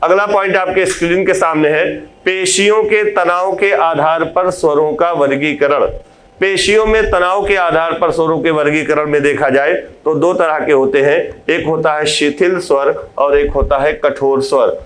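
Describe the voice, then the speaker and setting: A man's voice: a little high, fairly even intonation, fairly bright tone. A man teaching an exam-prep video lecture, explaining step by step, asking his own questions and then answering them. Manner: slows down and stretches words to show pronunciation.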